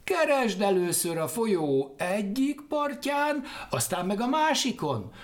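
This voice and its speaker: Jackdaw flock voiced by a man: high, slow, sly and sing-song. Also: big pitch swings. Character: frightened chattering flock of jackdaws.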